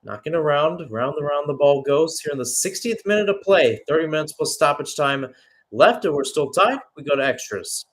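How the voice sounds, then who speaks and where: This play-by-play commentator has a slightly high, fairly bright voice with lively intonation and a normal pace. He covers football live, radio-style, shifting between calling plays and casual analysis, with hesitations and self-corrections.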